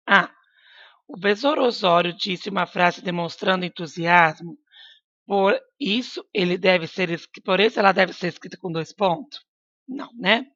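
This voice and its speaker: A woman from Brazil teaching a class of children, dictating sentences slowly and often checking in with "tá?". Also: medium pitch, a bit bright, slightly rough, no echo. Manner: slow, deliberate dictation with frequent "tá?" checks. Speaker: primary school teacher. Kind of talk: recorded online class, dictating. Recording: dry, dull lo-fi sound.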